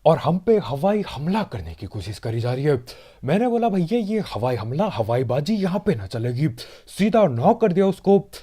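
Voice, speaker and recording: A man's voice: fairly high pitch, big pitch swings, moderate pace, mellow, breathy edge. A man narrating his own gameplay in a casual, joking voice-over, talking straight to his viewers. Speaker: gaming channel host.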